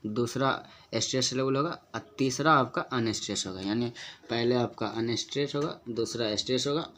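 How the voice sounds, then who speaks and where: Man, teacher, spoken lesson, methodical, asks and answers own questions, drawn-out example words, mid pitch. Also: a bit bright, a little hiss or hum. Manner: methodical, repeats example words slowly for emphasis. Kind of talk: spoken lesson on poetic meter.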